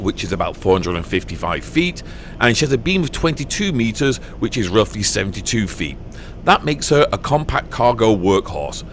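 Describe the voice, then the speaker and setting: A man's voice: medium pitch, slight background noise. Man reading a documentary voice-over. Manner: smooth, even, informative. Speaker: narrator.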